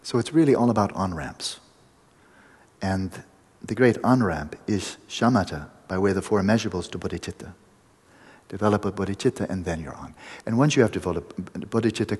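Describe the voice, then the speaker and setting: A man giving a meditation talk to a group, explaining in vivid images with pauses and restarts. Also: fairly low pitch, a little mellow, slightly rough, in a large hall. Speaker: meditation teacher. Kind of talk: dharma talk to a retreat group.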